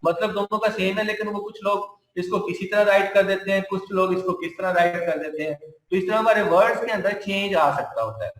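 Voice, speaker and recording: A man gives a computer science lecture, walking through each step slowly and going over points again. His voice sits high for a man. The room is echoey. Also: fairly even intonation. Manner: explains step by step, repeating points.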